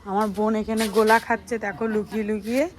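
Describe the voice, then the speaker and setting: A woman's voice: medium pitch, level tone, very fast, background noise. A young woman and mother chatting casually to her viewers, laughing often as she shows her family. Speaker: vlogger and mother. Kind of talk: casual vlog narration to viewers. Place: home and a relative's house, indoors.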